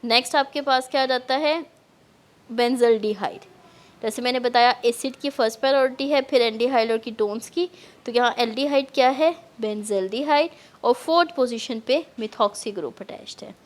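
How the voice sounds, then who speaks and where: A woman's voice: sits high, moderate pace. A woman chemistry lecturer with a Pakistani accent, explaining step by step in a classroom lecture and mixing in English terms.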